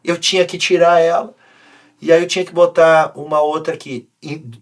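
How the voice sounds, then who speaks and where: A man, a sports coach talking on a podcast, telling an animated story with many restarts. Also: on the high side, moderate pace. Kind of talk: casual podcast conversation.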